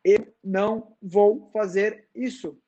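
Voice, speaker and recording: A grieving, desperate father, played by a man in a dramatized book reading. His voice rises high and pleads. The tone is raw and urgent. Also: normal speed, dull audio. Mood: desperate, pleading. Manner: raised, pleading voice.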